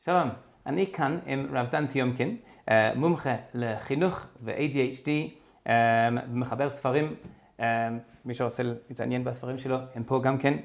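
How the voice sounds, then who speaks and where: A man hosting an interview, asking his guest questions in a hesitant way with many fillers. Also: mid-range voice.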